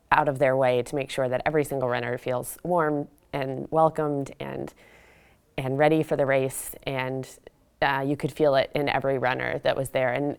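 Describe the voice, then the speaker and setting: Brief: woman runner being interviewed, low register, smooth clear tone, sincere. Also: a little mellow. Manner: earnest and reflective. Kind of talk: casual recollection in an interview.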